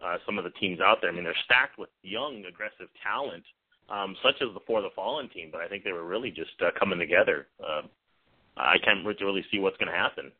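A man hosting an informal sports talk show in a halting, repetitive, unscripted way. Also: deep voice, husky. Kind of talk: unscripted internet radio talk. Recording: muffled narrow-band phone-like internet radio.

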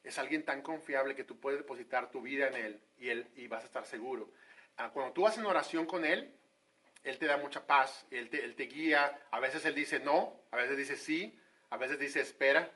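A man's voice: mid-range voice, normal speed, sharp tone. A man from Monterrey, Mexico, preaching a sermon in a conversational way, with frequent hesitations.

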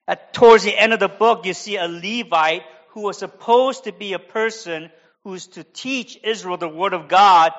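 A high-pitched man delivers an expository sermon in an American accent, moving from careful explanation into relaxed, chatty asides. The recording is muffled and lo-fi. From United States. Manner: expository preaching, conversational asides. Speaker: pastor.

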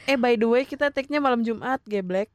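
A woman's voice: a little high, fast talker, no echo. A woman co-hosting a podcast, teasing her partner and sometimes going mock-formal. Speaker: podcast co-host. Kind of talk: casual chat.

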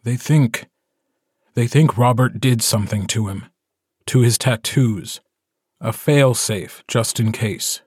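A male audiobook narrator playing a tired, stubborn grown man who leads a werewolf pack. He speaks in a grave, measured way. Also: medium pitch, breathy edge, no room sound, studio quality.

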